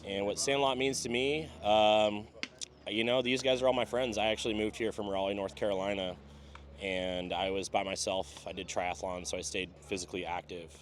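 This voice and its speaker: A man's voice: fairly low pitch, steady tone, normal speed, a little hiss or hum. A man speaking earnestly and plainly about his friends in an interview. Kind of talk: casual interview.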